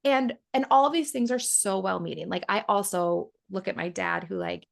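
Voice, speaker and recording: A woman's voice: medium pitch, animated, moderate pace, vocal fry. A woman in her thirties, a yoga and meditation teacher, talking casually in an interview and acting out quoted voices. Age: 30s. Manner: chatty, acts out quoted voices, laughs often.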